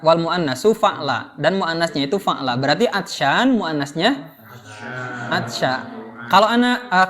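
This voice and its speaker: In an informal Arabic grammar class, an Indonesian-accented man explains concepts and prompts students with questions. He speaks in a high, fairly bright tone.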